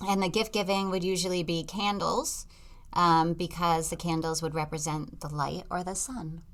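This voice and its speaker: Low-voiced Boston woman, chatty podcast co-host. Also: steady tone, normal speed. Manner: chatty, laughs often, stumbles over words. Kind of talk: casual chat.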